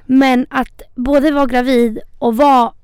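Woman podcast host, higher clear voice, casual and emphatic, swears a bit. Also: fairly even intonation, darkish tone, no room sound, clean studio sound.

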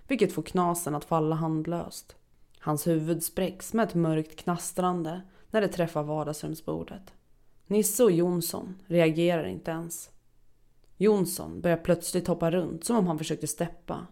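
A woman narrating a first-person horror story in a steady, dark storytelling manner. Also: fairly low pitch, vocal fry.

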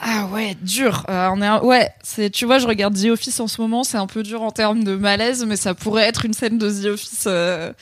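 A woman cohosts a casual podcast, talking her thoughts through and often rephrasing as she goes. Her voice sits at a middle pitch, and the recording is close and dry. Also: fairly even intonation, normal speed, few pauses, no echo. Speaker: podcast co-host. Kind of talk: casual chat.

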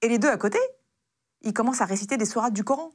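Lively woman telling a tense story. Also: a little high, rapid-fire. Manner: lively, slangy retelling with many fillers. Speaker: guest, former intelligence officer. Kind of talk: casual spoken storytelling.

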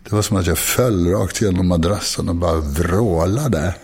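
A man in his sixties talking frankly and confessionally, halting often and restarting his sentences. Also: low voice, darkish tone, breathy edge. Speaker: guest. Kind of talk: candid personal conversation.

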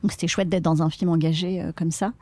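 A woman's voice: on the low side, fairly even intonation, fast talker, warm tone, no echo. A woman in her thirties, an actress and comedian, chatting in an interview and laughing often as she acts out quoted lines. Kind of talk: casual interview conversation.

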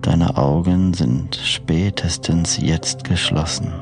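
A man narrating a sleep meditation like a bedtime storyteller, hushed and unhurried, with long pauses between short phrases. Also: deep voice, steady tone, over music. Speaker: podcast host and meditation narrator.

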